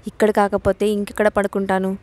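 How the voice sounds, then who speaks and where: A woman's voice: medium pitch, monotone, a little fast, a little mellow, natural voice. A woman voicing a sarcastic, irritable young husband in a storybook reading, speaking in short, curt replies. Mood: curt, irritated.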